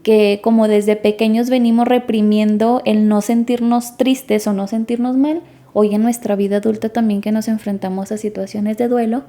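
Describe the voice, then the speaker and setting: A woman co-hosting a podcast, calmly explaining step by step in casual chat and putting questions to the others. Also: on the high side, moderate pace. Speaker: podcast co-host explaining grief.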